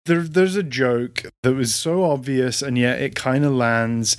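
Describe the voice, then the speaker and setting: Guy ranting and swearing through a movie review, mid pitch, just chatting. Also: measured pace. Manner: blunt, profane ranting. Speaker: podcast co-host. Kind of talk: casual movie-review chat.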